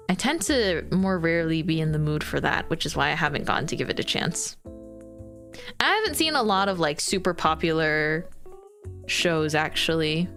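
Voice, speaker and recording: A young woman streamer draws while chatting casually with her viewers, rambling with fillers and giggling often. Her voice is fairly low in pitch with a fairly bright tone.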